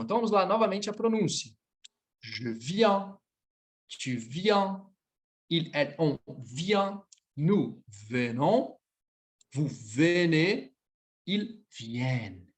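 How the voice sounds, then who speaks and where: A man with a Brazilian Portuguese accent leads an online French lesson at an unhurried pace. His voice swings up and down expressively as he stretches out each word and checks in with his students. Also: fairly high pitch. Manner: drills slowly, stretching words, checking in often with "tá?". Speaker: French teacher.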